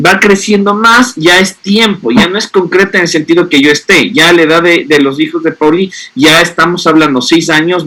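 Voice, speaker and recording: A man's voice: on the high side, bright, forceful tone. A man, explaining parenting to an audience and often checking in with rhetorical questions. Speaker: speaker on a parenting panel.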